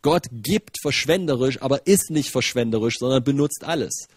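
A man giving a lively, conversational sermon, full of rhetorical questions and casual asides. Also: mid-range voice, normal speed, slightly rough, no room sound. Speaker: preacher.

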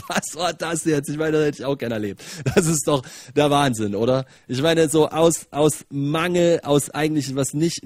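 A man giving a lively, conversational sermon, full of rhetorical questions and casual asides. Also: mid-range voice, no room sound, clean studio sound. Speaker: preacher.

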